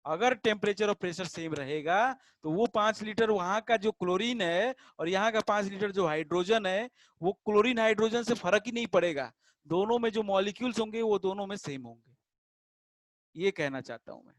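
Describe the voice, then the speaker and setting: A man's voice: sits high, no room sound. Patient male chemistry teacher, dry close sound. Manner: patient, checks understanding often, drawls English terms slowly. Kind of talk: classroom lecture.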